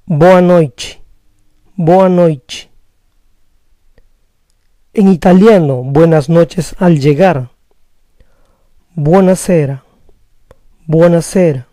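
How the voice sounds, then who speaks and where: A man teaching phrases in a slow vocabulary drill, saying each phrase twice. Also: a little high, warm tone, no room sound, clean studio sound. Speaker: language teacher.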